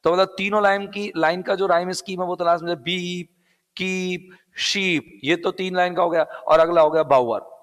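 Male English tutor, Rajasthani Hindi accent, slightly high voice, repetitive question-and-answer teaching, long reverb. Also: fairly even intonation, brisk. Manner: explains step by step, repeats key words, asks and answers own questions. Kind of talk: live online exam-prep class.

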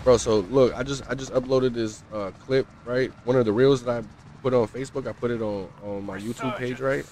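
A man's voice: medium pitch, steady tone, a little fast, a little mellow, a little hiss or hum. A male game streamer chatting casually with slangy, profane banter while he plays. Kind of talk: casual gaming chat.

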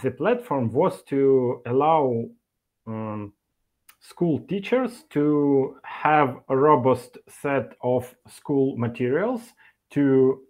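An animated, slightly mellow man with a mid-range voice speaks at an online meetup via video call. He represents an e-learning developer as a conference speaker, and his talk stumbles along with many fillers and restarts.

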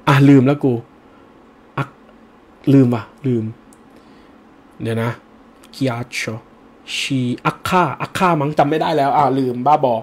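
Male exam tutor, slightly high voice, casual joker answering comments live. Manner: chatty and joking, casual slang. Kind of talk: live-streamed lesson answering viewer comments.

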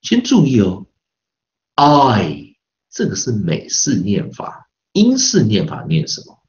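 A man's voice: lowish voice, wildly swooping pitch, normal speed, a little mellow, lo-fi sound. A man teaching English pronunciation in a recorded online lesson with a Taiwanese Mandarin accent, patiently repeating sounds over and over to demonstrate them.

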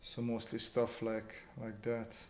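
Speaking slowly in a fairly low monotone, an illustrator chats casually during his drawing livestream, reading out viewer questions and answering them. He's in a small indoor room at home using a desk microphone on an improvised stand. The audio has roomy echo and faint background noise.

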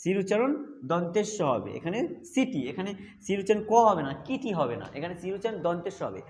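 Speaking fast in a high, sing-song voice, a man from Bengal explains a phonics lesson. He patiently takes English pronunciation rules one step at a time and repeats each point.

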